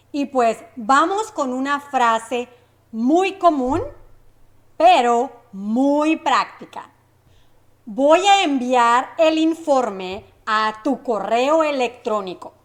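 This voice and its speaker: Slow, high-voiced woman teaching pronunciation. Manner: slow, careful modeling of phrases for repetition; friendly, checks in with the listener. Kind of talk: podcast pronunciation lesson.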